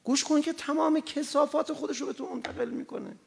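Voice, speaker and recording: A man preaching a sermon, passionate, moving between loud urging and quiet storytelling. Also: very high voice, fairly even intonation, vocal fry, a little hiss or hum. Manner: impassioned, swings from loud exhortation to quiet anecdote. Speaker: cleric.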